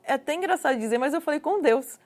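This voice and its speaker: A Brazilian woman with a Brazilian Portuguese accent shares her personal testimony in an earnest way. Her voice sits a little on the high side. She often repeats words to stress a point. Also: lively intonation, fast, soft background music. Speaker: guest giving a personal testimony.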